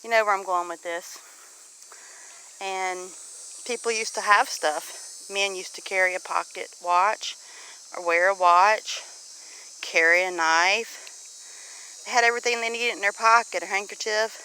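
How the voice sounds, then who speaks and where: Out on a farm among the animals, a Southern-accented woman talks to her homestead vlog viewers in a folksy, plainspoken, casual way. Her medium-pitched voice is bright and forceful, fairly even and unhurried with frequent pauses, and the rough recording picks up faint animal and insect noise.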